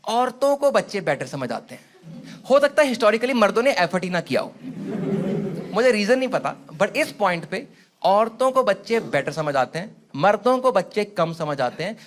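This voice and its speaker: A man in his thirties doing a conversational stand-up comedy set on stage, slipping English phrases in among his jokes. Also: sits high. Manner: conversational, mixes in English phrases, acts out quotes. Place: comedy stage before a live audience. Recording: loud live audience laughter and noise.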